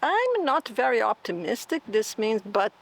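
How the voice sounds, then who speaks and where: A woman in her sixties from southern Brazil, a cell biology professor, gives thoughtful oral history interview answers in a Brazilian Portuguese accent. Her voice is on the high side and creaky, with big pitch swings and a slightly slow pace, and she often checks in with "right?".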